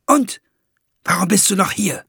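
Man doing a snarling young woman, high and sharp, husky, storybook. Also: expressive, normal speed, dry recording, studio quality, exaggerated voice. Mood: fierce anger. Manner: sharp, snapping. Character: fierce grieving young woman.

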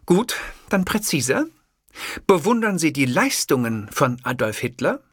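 A man's voice: a little high, big pitch swings, unhurried, slightly rough, dry recording, studio quality, pitched above the performer's own voice, heavily acted. A man voicing a young, impatient female journalist who asks curt, probing questions in an audiobook. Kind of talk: audiobook character voice.

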